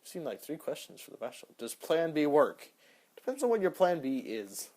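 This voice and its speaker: A man's voice: a little high, big pitch swings, a little fast, mellow. Young male podcast host, casual and offhand, rambling solo chat, trailing delivery. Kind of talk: casual solo commentary answering search suggestions.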